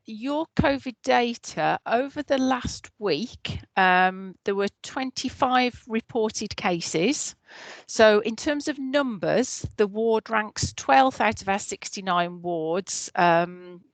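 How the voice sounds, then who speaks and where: A woman's voice: medium pitch, no echo, low-quality recording. Woman explaining statistics on a video call. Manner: clear, explanatory, steady. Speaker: public health officer. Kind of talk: presenting health data at a community meeting. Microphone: computer mic on a video call.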